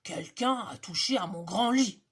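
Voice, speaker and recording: A big stern bear from a storybook, as a woman puts it on. It booms loudly and scolds, and the voice has a breathy edge. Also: lively intonation, measured pace. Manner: loud, booming, scolding.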